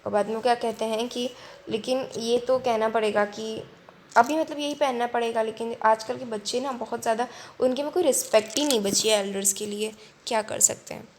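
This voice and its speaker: A young woman teacher who reads a school story aloud slowly and then explains it in casual, chatty Hindi. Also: fairly high pitch, steady tone, darkish tone, a little hiss or hum.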